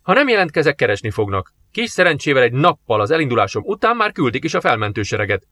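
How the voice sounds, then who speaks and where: A man's voice: medium pitch, sing-song, pushed and bright. A man reading an audiobook, voicing a harried male police captain who speaks brusquely and with exasperation. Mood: brooding.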